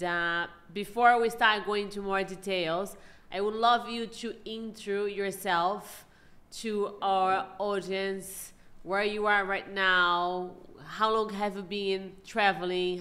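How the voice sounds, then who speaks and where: A woman's voice: lowish voice, fairly bright tone. A woman co-hosting a podcast, enthusiastic and effusive, an English speaker. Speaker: podcast co-host. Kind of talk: podcast interview.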